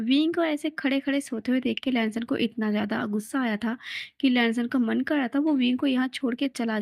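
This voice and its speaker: Woman casually retelling a story, kinda high voice, no room sound. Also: creaky, darkish tone, no room sound. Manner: plain, conversational retelling.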